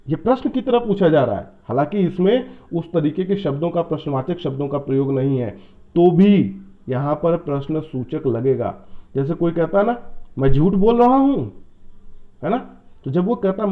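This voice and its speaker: A man with a somewhat high voice teaches a grammar lesson for exam students. He explains each point step by step and keeps checking that his listeners follow. He reads out the example sentences in a changed tone, and the sound is thin and tinny, like a phone line. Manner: explains step by step, often asks "है ना?" and "क्या लग गया?".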